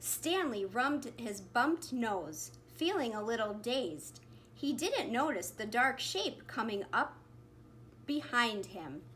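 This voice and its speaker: A woman's voice: a little high, very animated, takes it slowly, a bit bright, poor audio. A woman reading a picture book aloud expressively to young children. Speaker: kindergarten principal. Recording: faint background noise.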